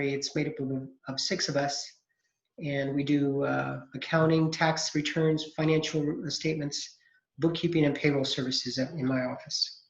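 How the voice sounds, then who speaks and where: Over a video call, a Californian college accounting instructor in his forties gives his class a casual introduction, sprinkling in plenty of fillers. His pitch is a little high. Captured on a computer mic, the sound is dull and echoey.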